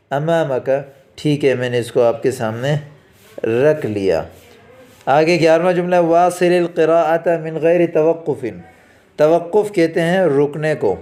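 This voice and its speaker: Male language teacher, patient lesson delivery, medium pitch, slow deliberate phrase readings, brisker explanations. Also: dark tone. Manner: slow, drawn-out reading of Arabic phrases, then quick Urdu explanation. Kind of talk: classroom lesson explaining Arabic phrases in Urdu. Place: academy lesson recording.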